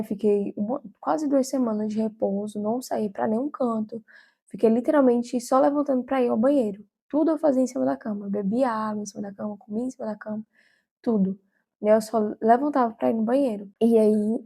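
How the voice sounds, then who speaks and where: A woman's voice: fairly high pitch, gravelly, dark tone, breathy edge. A young woman from Brazil giving an earnest, chatty personal testimony to her followers, full of small fillers. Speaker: vlogger.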